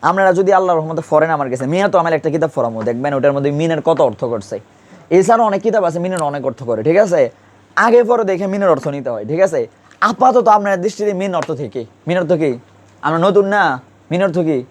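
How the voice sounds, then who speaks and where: A man's voice: fairly high pitch, lively intonation, very fast. Man teaching grammar, quizzing his class. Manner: quizzes students with repeated questions; colloquial, patient, drills pronunciation. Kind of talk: classroom lesson.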